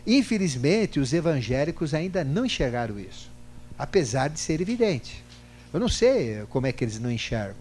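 An older man teaching a spiritual class, animated, asking rhetorical questions and acting out both sides of a past argument. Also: fairly high pitch, fairly quick. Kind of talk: lecture to a class. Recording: faint hum, digitized from CD.

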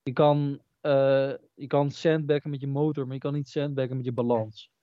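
A man's voice: medium pitch, level tone, moderate pace, no echo, highs cut off. A man chatting casually on a podcast over a remote call, rambling and swearing freely. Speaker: podcast co-host. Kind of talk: casual chat. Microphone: remote call with a weak connection.

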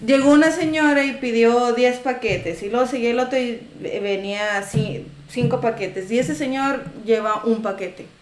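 A woman telling stories in casual chat, animated and swearing freely as she acts out customers. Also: fairly high pitch, normal speed, few pauses, echoey room, a little hiss or hum. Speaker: tortilla shop worker telling stories.

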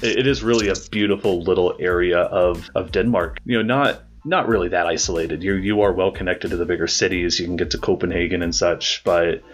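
Podcast host, male, very low voice, friendly rambling delivery, faint music underneath. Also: brisk, hardly any pauses. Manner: friendly, rambling with many fillers and restarts. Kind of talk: casual interview chat.

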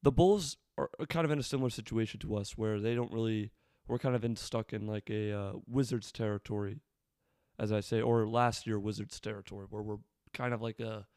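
A man's voice: on the low side, fairly even intonation, brisk, darkish tone, clean tone, no echo, studio quality. A man with a slightly worn, weathered voice giving casual solo sports commentary, informal and thinking aloud in short bursts as a fan.

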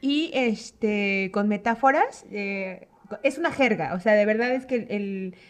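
A woman's voice: medium pitch, unhurried. A young woman from the Mexico City area with a Mexico City accent, chatting casually and laughing often as a co-host. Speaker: podcast co-host. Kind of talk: casual chat.

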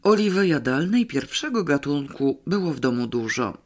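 A man narrating a children's adventure novel as an audiobook, in measured storytelling. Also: on the high side, big pitch swings. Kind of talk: scripted narration.

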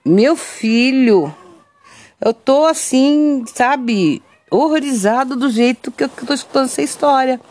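A woman's voice: sits high, animated, a little slow, a little mellow, voice pushed up. A woman voicing an indignant scolding father. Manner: shocked, reproachful lecturing. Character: indignant father scolding his teenage son.

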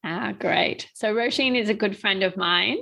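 Gravelly-voiced woman podcast host. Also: medium pitch, normal speed, sharp tone. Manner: friendly, laughs often. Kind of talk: casual interview chat.

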